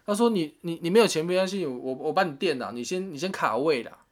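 A man's voice: on the high side, quick pace. A man, telling a story in a casual chat and acting out what people said. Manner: animated retelling with quoted voices and laughs.

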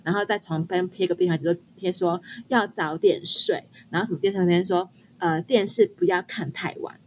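A woman's voice: fairly low pitch, slight background noise. A young woman with a Taiwanese Mandarin accent, telling dating stories in casual chat and acting out the lines. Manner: rapid, animated storytelling with quoted dialogue. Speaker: guest storyteller.

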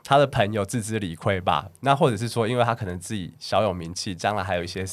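A man's voice: lowish voice, fast talker. A man with a Taiwanese Mandarin accent telling a story in casual chat, acting out the dialogue and breaking into laughter. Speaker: bar staff and podcast host.

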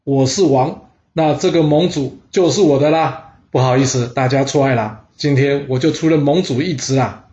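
A smug, cunning ancient king, as a male storyteller puts him on, mocking and self-satisfied. He speaks at a middle male pitch. The sound is dull and lo-fi. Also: moderate pace, few pauses, dark tone, lightly acted. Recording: dull lo-fi recording.

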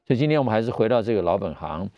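Male radio doctor-host, middle-aged, Taiwanese Mandarin accent, fairly low voice behind a face mask, dry studio, measured explainer with pauses. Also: expressive, no echo, lo-fi sound, faint music behind. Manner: speaking through a face mask. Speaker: radio show host and family physician. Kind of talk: live radio health talk.

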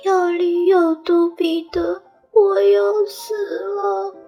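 A woman voicing a tiny, frantic female fairy sprite in a storybook reading, with soft music behind. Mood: faint, dying. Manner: breathless, squeaky, rushed.

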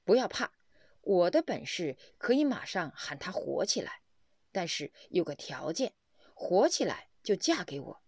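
A pushy bank manager bargains and explains, as a woman narrator puts him on. The voice swings lively in pitch. The sound is close and dry. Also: measured pace, dry recording, full character voice. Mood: persuading.

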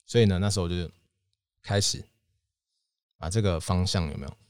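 A young man with a Taiwanese Mandarin accent telling his own story as a podcast host, with animated bursts when he acts out his younger self. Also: low-pitched, fairly quick, clean tone, no echo. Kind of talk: storytelling monologue.

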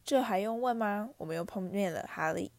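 A woman's voice: mid-range voice, fairly quick, a little mellow, no echo, close to an everyday voice. A woman voicing a vain, self-satisfied male teacher in a storybook reading, cheerful and showy. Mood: showy, jovial.

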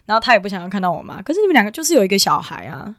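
A woman's voice: mid-range voice, sing-song, rapid-fire, no echo, studio quality. A young woman from Taiwan telling a personal family story in casual chat, rambling with many fillers and restarts. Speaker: guest.

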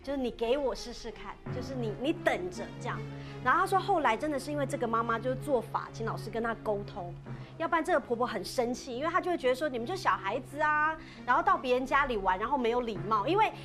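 A woman casually telling a ghost story on a podcast, chatty and animated, with many filler particles. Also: high-pitched, fast. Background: background music.

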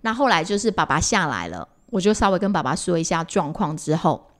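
A podcast co-host who is a mother talks a little fast in a lowish register. Recounting family moments in an easygoing chat, she's animated and often restarts, padding with fillers.

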